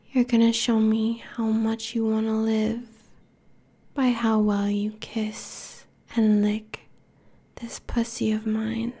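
A woman voicing a cruel, domineering immortal queen in a hushed, breathy whisper, slow and menacing. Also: fairly high pitch, completely flat delivery, heavily acted. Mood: commanding. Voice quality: breathy whisper with gravelly fry. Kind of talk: whispered audio roleplay.

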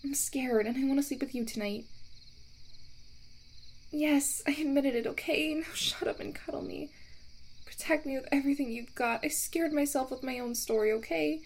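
A young woman voicing a playful camping companion who talks straight to the listener. She teases, giggles, and drops into a hushed voice to tell a ghost story. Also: high-pitched, moderate pace, a little hiss or hum. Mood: sheepish scared. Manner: teasing, breaks into giggles. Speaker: voice actor in a listener roleplay. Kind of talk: first-person audio roleplay addressed to the listener.

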